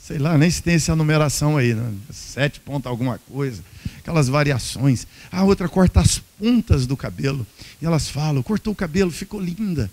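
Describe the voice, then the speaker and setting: Brazilian male pastor, higher voice, jokey sermon with acted-out dialogue. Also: lively intonation, normal speed, darkish tone. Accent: Brazilian Portuguese. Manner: humorous storytelling, acting out quoted dialogue. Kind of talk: sermon at a couples' retreat. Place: church hall.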